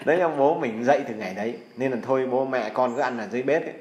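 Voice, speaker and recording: A man's voice: medium pitch, very fast, a little mellow, roomy sound, lo-fi sound. A man giving earnest, folksy Buddhist advice in a casual, preachy way. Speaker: healer giving spiritual advice.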